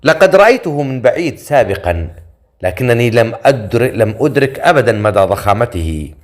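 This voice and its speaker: Guy doing an awestruck young man, kinda halting, audiobook. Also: medium pitch, very animated, natural voice. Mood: stunned.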